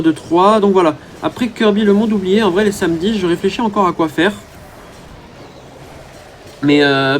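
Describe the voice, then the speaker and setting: A man's voice: on the high side, a little hiss or hum. A man giving casual, rambling commentary over his own gameplay, talking to his viewers with many hesitant fillers. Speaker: gaming YouTuber.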